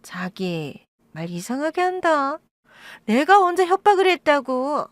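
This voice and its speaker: A woman's voice: expressive, moderate pace, no room sound. A woman voicing a scheming middle-aged birth mother who whines, pleads and flares up indignantly, in an audio drama. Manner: wheedling, indignant, talks in high pleading bursts. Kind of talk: Korean audio-drama acting.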